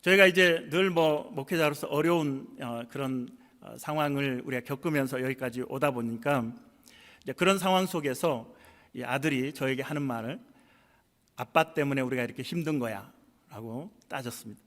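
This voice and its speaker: A man's voice: mid-range voice, normal speed, fairly bright tone, big-room sound. A middle-aged Korean man preaching a sermon as pastor, telling stories and acting out quoted dialogue with rising intensity. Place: church sanctuary.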